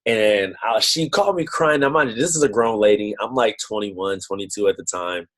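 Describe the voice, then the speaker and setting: A man leading a team video call, telling a slangy, animated motivational story in casual talk over a computer mic. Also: fairly low pitch, a little fast, poor audio. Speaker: network-marketing team leader.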